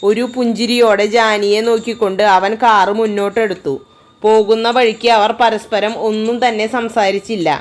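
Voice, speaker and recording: A woman's voice: mid-range voice, little pitch movement, moderate pace. A woman narrating a story and speaking every character's lines herself. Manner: acts out each character's lines.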